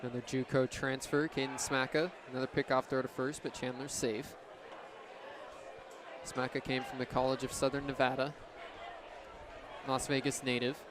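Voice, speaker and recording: With a flat delivery, a moderate pace and long pauses, a young man in a mid-range voice narrates baseball for radio. His calls come as brief, descriptive phrases, and the open-air ballpark fills the background with crowd and outdoor noise.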